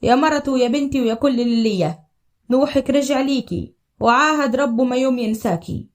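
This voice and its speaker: A devoted young husband with an Upper Egyptian accent, his voice pitched low and earnest, as a woman acts him out. He talks in a quick, steady flow of heartfelt vows in a storybook audio drama. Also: close to an everyday voice. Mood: ardent. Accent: Upper Egyptian Arabic. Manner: low, earnest, tender declarations.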